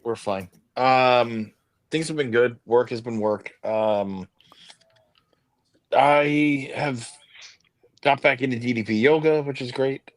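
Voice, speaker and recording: Regular pitched guy on a podcast, halting and wry, deadpan, dry close sound. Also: dry recording. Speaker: podcast co-host. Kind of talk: casual chat.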